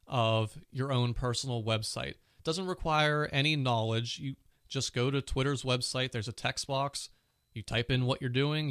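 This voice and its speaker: On his own laid-back tech podcast, this host chats away with plenty of "you know" fillers despite having a cold and a sore throat. His mid-range voice has a fairly bright tone, captured in a dry recording with clean studio sound.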